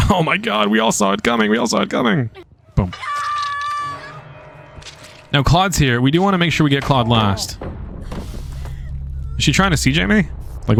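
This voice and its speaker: A man streaming a video game and commentating live, casual and excitable, swearing freely. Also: mid-range voice, gravelly.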